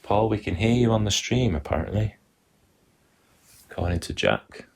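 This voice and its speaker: A man's voice: lowish voice, animated, moderate pace, vocal fry. A man hosting a live animation workshop, chatty and explaining step by step while reading out viewer comments. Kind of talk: live-stream teaching demo.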